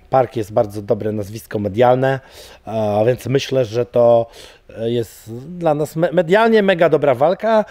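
Middle-aged coach guy, mellow dark voice, rambles w lots of fillers, dry sound. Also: medium pitch, dry recording. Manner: rambling, many fillers and repeated words. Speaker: MMA coach. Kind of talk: casual interview talk. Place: studio with banner backdrop.

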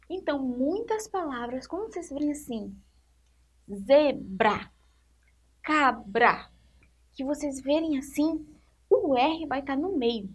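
A woman teaching a literacy lesson to young children, asking questions and answering them herself, stretching words out slowly syllable by syllable. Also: high-pitched.

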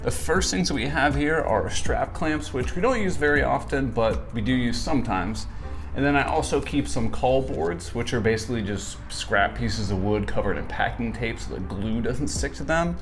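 A man's voice: medium pitch, normal speed, music in the background. Chatty young man touring his garage shop. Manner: friendly, chatty, dry humor. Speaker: woodworking channel host. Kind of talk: casual shop tour. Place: small one-car garage workshop. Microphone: wireless lapel mic.

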